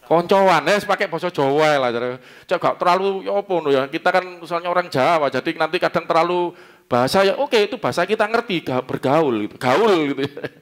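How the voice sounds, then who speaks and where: A middle-aged pastor from East Java, speaking with a Javanese accent, delivers a relaxed, joking sermon during a church service. His voice is a little high and fairly quick, and he laughs often and puts questions to the congregation in this conversational style of preaching.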